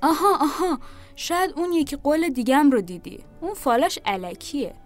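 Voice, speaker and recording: A woman voicing a sly young street girl selling fortunes, with a nasal, shrill voice. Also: animated, soft background music. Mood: pushy.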